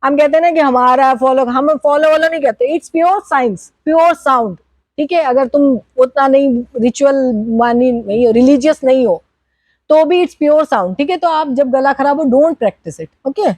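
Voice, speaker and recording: A woman's voice: high voice, a little slow, darkish tone, no room sound. A woman teaching a workshop group how to chant mantras, explaining and demonstrating, checking in with the group again and again. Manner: instructive, checks in with "theek hai?" often, demonstrates chants. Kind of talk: workshop teaching, mixing Hindi and English.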